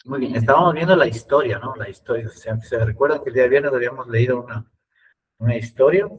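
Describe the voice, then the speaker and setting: A man teaching an online English class, speaking slowly and repeating words for his students to copy. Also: mid-range voice, far from the mic, low-quality recording.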